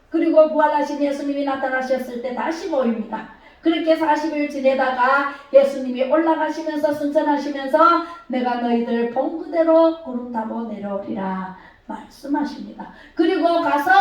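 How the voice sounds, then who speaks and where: A woman preaching a sermon in a church, lively, calling out questions to the congregation and acting out shouts. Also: high voice. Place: church sanctuary. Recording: very echoey hall, voice from far off.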